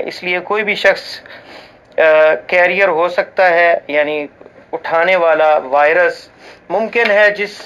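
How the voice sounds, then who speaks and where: A male voice-over reader for a religious channel reads a written religious ruling aloud, formal and measured, reciting Arabic scripture and sometimes stumbling and restarting a word. His voice is a little high and somewhat bright, with a clean tone and the highs cut off.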